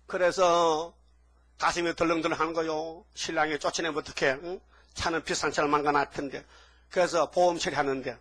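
A man with a fairly high voice delivers an animated sermon. He keeps asking his listeners quick questions, now soft and low, now suddenly loud. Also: slightly rough. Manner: animated preaching, frequent rhetorical questions to congregation. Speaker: pastor.

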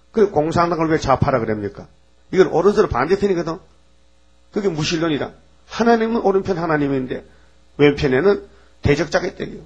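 A man's voice: fairly high pitch, vocal fry, slightly rough. A man preaching a sermon in a blunt, folksy way, firing rhetorical questions at the congregation. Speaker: pastor.

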